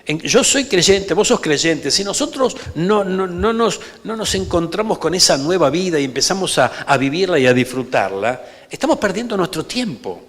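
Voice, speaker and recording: A man's voice: high voice, sing-song, normal speed, few pauses, a bit bright. A man with an Argentine Rioplatense accent, a pastor preaching an emphatic sermon in a church and often calling for amens. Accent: Argentine Rioplatense Spanish. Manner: emphatic preaching, peppered with calls for amen. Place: church sanctuary. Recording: reverberant church hall.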